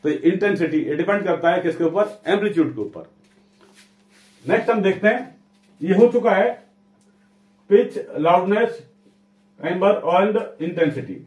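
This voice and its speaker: A man's voice: sits high, animated, measured pace, pauses often, darkish tone, roomy sound. A man teaching a physics lesson, who often asks a question and then answers it himself.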